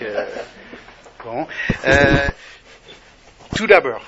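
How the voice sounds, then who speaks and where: A middle-aged man with a non-native French accent giving a personal testimony talk to an audience, halting, with many restarts and fillers. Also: on the high side, fairly bright tone, a little hiss or hum. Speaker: speaker. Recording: dull lo-fi recording.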